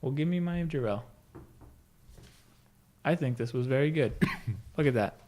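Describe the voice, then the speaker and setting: A man's voice: medium pitch, animated, a little slow, darkish tone. Chatty man co-hosting a podcast. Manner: chatty, retells scenes with laughing asides. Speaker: podcast co-host. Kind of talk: casual chat.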